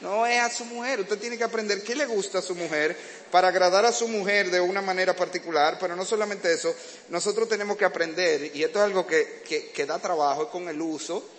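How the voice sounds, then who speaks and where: Un predicador con acento dominicano que da un sermón sobre el matrimonio con humor e imita escenas de la vida en pareja. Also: male voice, high-pitched, steady tone, a little fast, a bit bright. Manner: humorous, acts out domestic scenes. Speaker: preacher. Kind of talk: sermon to couples. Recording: reverberant hall, faint background noise.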